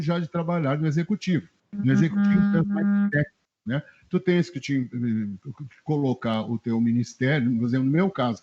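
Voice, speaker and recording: A middle-aged man from southern Brazil, a journalist guest telling animated anecdotes in a casual interview and chuckling often. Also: medium pitch, slightly rough. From Rio Grande do Sul, Brazil. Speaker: journalist guest, press adviser. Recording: dull lo-fi web radio audio.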